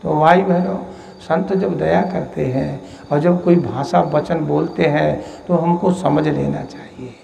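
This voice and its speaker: A male preacher with a high, gravelly voice, delivering a devotional sermon at an ashram gathering. He repeats key phrases and slows right down to chant verses. His delivery moves between storytelling and exhortation. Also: fairly even intonation, warm tone, a little hiss or hum.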